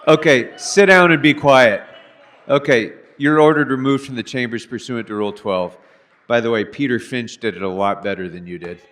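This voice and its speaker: A man's voice: medium pitch, normal speed, fairly bright tone. A man in a mid-range voice runs a council meeting, short and commanding. His words carry a long echo through the chamber. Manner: curt, commanding, dry. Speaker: council president chairing a meeting.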